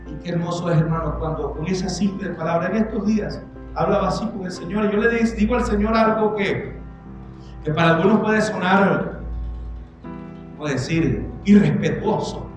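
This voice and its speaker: A man's voice: sits high, moderate pace. A man preaching a sermon as pastor, emphatic, repeating his points and calling out to the congregation. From Venezuela. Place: church. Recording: echoey church hall with music behind.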